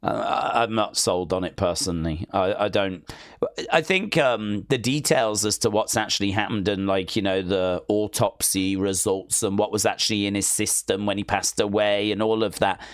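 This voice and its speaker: A man with a fairly low voice co-hosts a wrestling podcast, chatting casually and hesitantly and often trailing off with "I don't know." The recording is dry, with clean studio sound.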